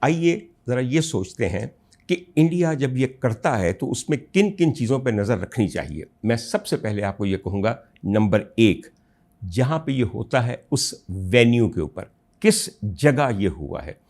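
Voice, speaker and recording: A man with a Pakistani Urdu accent hosting a political commentary show, delivering a rhetorical monologue to his audience that builds to loud indignant outbursts. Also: mid-range voice, animated, unhurried. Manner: addresses listeners as ladies and gentlemen.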